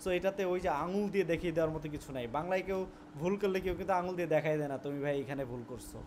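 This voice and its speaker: A man's voice: high-pitched, a little mellow, a little hiss or hum. A young Bangladeshi man with a Bangladeshi Bengali accent, teaching a casual spoken lesson and mixing English words into his Bengali, often restarting his words.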